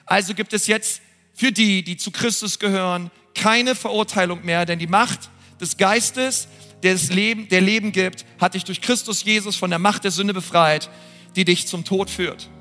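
A man's voice: sits high, moderate pace. A man preaching a sermon as pastor, earnest and talking straight to his listeners with frequent fillers. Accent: German. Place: large church hall. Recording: church hall with long reverb and soft music.

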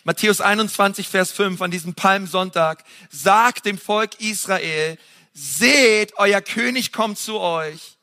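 A man preaching a sermon in an animated way, pushing his voice up for emphasis, with fillers between points. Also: high voice, slow pace.

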